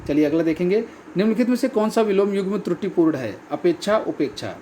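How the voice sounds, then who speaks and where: A man's voice: sits high, lively intonation, fast, mellow, slight background noise. A man explaining the answers to a language test, repeating each key word and calling his listeners friends. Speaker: Hindi exam tutor.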